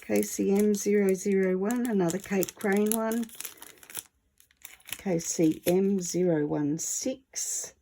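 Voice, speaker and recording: Craft presenter: woman, wheezy and short of breath, unhurried and mellow, easygoing chat, noticeable handling noise behind. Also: mid-range voice, gravelly. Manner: chatty, easygoing, self-deprecating. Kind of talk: casual hands-on art demonstration.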